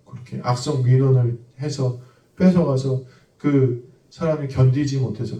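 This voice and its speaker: A man's voice: mid-range voice, mellow. A man preaching a sermon as a pastor, telling an everyday story and then pressing his point with emphatic preaching. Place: church sanctuary. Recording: echoey room, mic at a distance.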